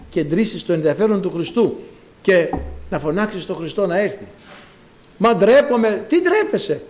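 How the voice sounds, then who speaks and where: Animated high-pitched male preacher. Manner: animated, acts out quoted voices, swings from loud to hushed. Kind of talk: sermon.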